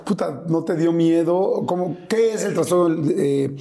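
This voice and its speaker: Mellow-voiced Mexican interviewer. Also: male voice, on the high side, measured pace, creaky. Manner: rambling, filler-heavy questions. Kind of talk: conversational interview.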